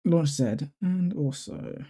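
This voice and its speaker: Man, deep dark tone, relaxed tutorial narrator who thinks aloud. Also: slow pace, slightly rough. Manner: relaxed, thinking aloud with fillers and self-corrections. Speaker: YouTuber walking through a code editor setup. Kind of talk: casual screen-recording tutorial.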